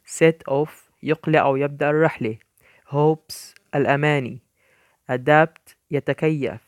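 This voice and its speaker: A man reading English vocabulary words one by one, each followed by its Arabic translation, in a slow, deliberate dictating manner. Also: fairly high pitch, steady tone, no room sound. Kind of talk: vocabulary list read aloud with Arabic translations.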